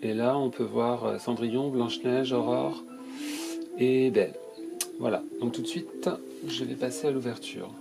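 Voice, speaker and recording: His voice is mid-range with vocal fry, fairly even intonation and an unhurried pace, set over music. This toy unboxing YouTuber is congested from a cold and describes each item for his channel in a loose, hesitant way with many fillers.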